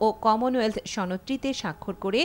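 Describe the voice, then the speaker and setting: A programme narrator with a Bangladeshi accent reads a scripted documentary at a fairly quick pace, her voice a little high. Music sits clearly in the background under her voice.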